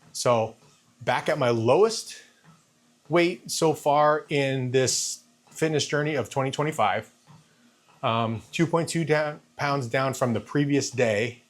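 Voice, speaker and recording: A man in his fifties giving a casual, halting vlog monologue, thinking aloud and repeating phrases while walking on a treadmill. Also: medium pitch. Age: 50s. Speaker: fitness vlogger.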